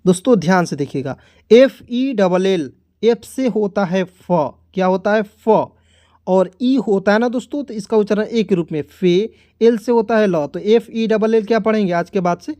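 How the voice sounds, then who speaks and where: A man's voice: high voice, moderate pace, mellow, no room sound. A man teaching beginners to read English words, spelling them letter by letter and quizzing the listener over and over. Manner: repetitive, quizzing with "kya padhenge?" and "theek hai". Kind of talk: phonics lesson for beginners.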